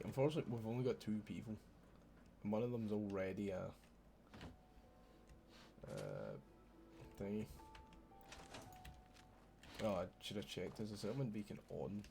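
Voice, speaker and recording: A Scottish man streams a video game, chatting casually, swearing freely and joking around with his viewers. His voice is lowish with vocal fry.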